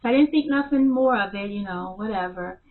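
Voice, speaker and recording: A woman telling her story of spiritual struggle in a halting, hesitant way, full of fillers and restarts. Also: mid-range voice. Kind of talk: personal spiritual testimony. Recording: tinny phone-like sound.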